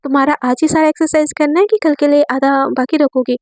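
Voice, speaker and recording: A woman's voice: sits high, steady tone, fast talker, darkish tone, no echo, natural voice. A woman reading the part of a playful young woman who teases and coaxes in a spoken love story. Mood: teasing, coaxing.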